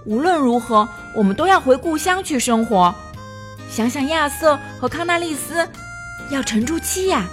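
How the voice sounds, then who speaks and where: A woman voicing a gentle elephant queen in a children's storybook, speaking softly and soothingly. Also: fairly high pitch, sing-song, moderate pace, music in the background. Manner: soft and soothing, hushed.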